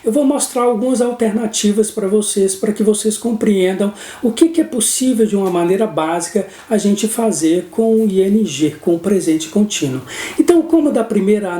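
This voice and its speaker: Brazilian male teacher, explanatory lesson delivery, warm low tone, recorded in a room with echo. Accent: Brazilian Portuguese. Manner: explanatory, keeps checking in with "não é?". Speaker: English teacher. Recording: roomy echo.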